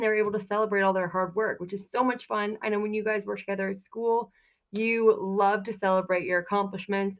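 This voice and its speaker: In this teacher-style children's read-aloud, a woman with a medium-pitched voice reads expressively in a sing-song manner. She pauses to put simple, encouraging questions to the young audience.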